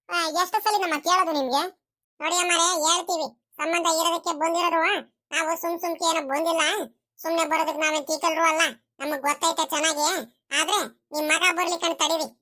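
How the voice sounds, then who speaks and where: A woman's voice: extremely high pitch, flat delivery, quick pace, sharp tone. A woman voicing a stubborn young village woman in a cartoon, firm and insistent.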